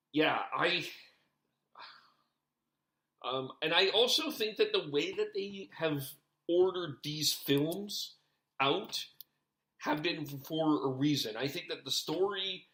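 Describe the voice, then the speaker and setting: Bright-voiced podcast host. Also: male voice, on the high side, slow pace, pauses often. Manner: rambling, thinks aloud in restarts. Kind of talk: casual podcast chat.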